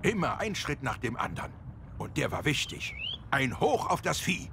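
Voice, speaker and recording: A man playing a scholarly old male gremlin in a video game, polite, proud and theatrical, with a gravelly voice. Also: a little high, sing-song, normal speed, background noise. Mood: grateful, proud. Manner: pedantic, theatrical. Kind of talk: video game character acting.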